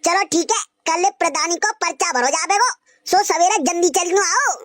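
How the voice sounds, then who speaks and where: A woman's voice: very high-pitched, normal speed, fairly bright tone, no room sound, clean studio sound. A woman performing a village comedy skit, talking in rural dialect and singing teasing folk lines. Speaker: comic sketch performer.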